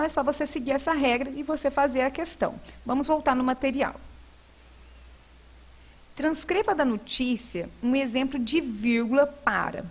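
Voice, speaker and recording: Patient Brazilian woman teacher explaining. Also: fairly high pitch. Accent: Brazilian Portuguese. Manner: patient, explains step by step with frequent "né". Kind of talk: recorded lesson correcting homework.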